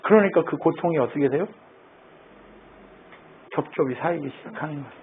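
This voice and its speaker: A man's voice: a little high, fairly quick. A man preaching a sermon as pastor, asking the congregation questions and answering them himself. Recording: tinny phone-like line with faint noise.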